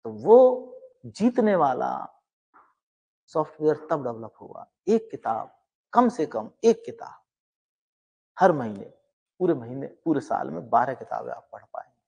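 A middle-aged man coaching law exam students with an earnest, emphatic motivational talk that swings between emphatic rises and quiet asides. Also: mid-range voice, big pitch swings, unhurried, creaky, pauses often, breathy edge.

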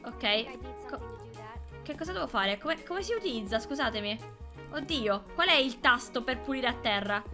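A young woman gamer chatting to her viewers while playing, excitable and talkative. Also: on the high side, measured pace. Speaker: gaming YouTuber. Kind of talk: let's play commentary. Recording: game music behind.

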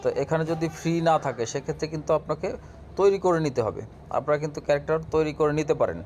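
Here the tutorial host races along in a fairly high, somewhat mellow voice, showing viewers how to use an app one step at a time in a relaxed, instructional way. Room ambience and clear background noise are present.

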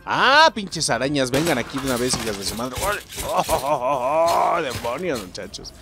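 Over music, a young man with a Mexican accent streams a let's play, excitably yelping and swearing whenever something scares him. His pitch is medium and his speed normal.

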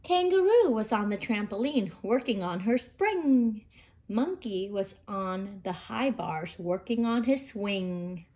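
Expressive woman reading a children's story. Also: medium pitch, slow, a little hiss or hum. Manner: expressive, asks listeners questions. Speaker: teacher.

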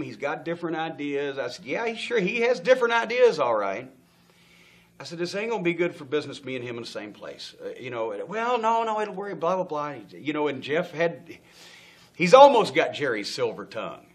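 Here the middle-aged interview guest has a mid-range, somewhat bright voice. Seated on an indoor studio set with stage lights, he narrates a long story from backstage, acting out whoever he quotes, with plenty of swearing and frequent laughter.

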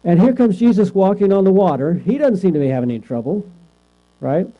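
Briskly and in an animated, high-pitched voice, a man teaches a conversational Bible class. He repeatedly questions the class and checks in with "right?". The lo-fi recording carries a mains hum.

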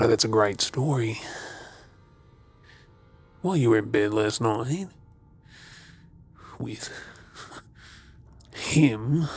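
A creepy, obsessive male captor acted by a man speaks slowly in an ASMR role-play, with music behind him. He is menacingly tender, leaving hesitant pauses and softly mocking the one he holds. His pitch sits in an ordinary middle male range. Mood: creepy, gloating.

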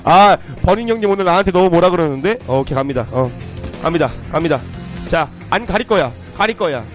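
A young man streaming a football game, commentating live with hyped shouting as he opens card packs. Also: fairly high pitch, lively intonation, fairly quick, faint music behind.

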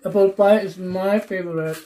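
Filipino-accented woman, family vlogger, relaxed mid-pitched chat, code-switches freely. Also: normal speed. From Philippines. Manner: switches between Tagalog and English, easygoing. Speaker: vlogger and mother. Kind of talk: casual family vlog chat.

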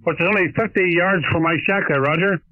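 Guy coming through a ham radio, highish voice, tinny narrow signal, dry. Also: a little fast, no room sound. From Northern Ireland. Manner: steady radio procedure, ends turns with "over". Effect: heard over a shortwave radio receiver.

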